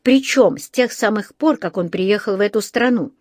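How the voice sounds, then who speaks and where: A woman voicing a stern, fearless older housekeeper in a storybook reading, forceful and scolding. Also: mid-range voice, normal speed, no room sound, clean studio sound, natural voice.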